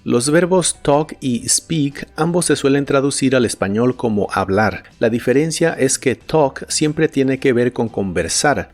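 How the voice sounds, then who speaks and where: A man teaching a lesson in scripted narration, explaining each point clearly and saying the example phrases slowly and with care. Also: medium pitch, a little mellow. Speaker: language teacher.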